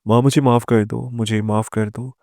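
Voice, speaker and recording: A man's voice: mid-range voice, level tone, gravelly, mellow, no room sound, clean studio sound, close to an everyday voice. A man reading as a paranoid, terrified young wife.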